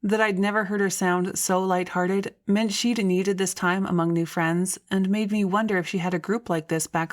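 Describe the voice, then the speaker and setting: A woman reading scripted first-person story narration as an audiobook narrator. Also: mid-range voice.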